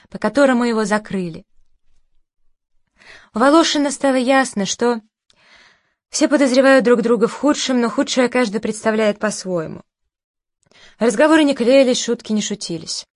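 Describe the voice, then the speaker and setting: A woman narrating literary prose at an even, measured pace. Her voice is fairly high. It is recorded close and dry, with no room echo. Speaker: audiobook narrator.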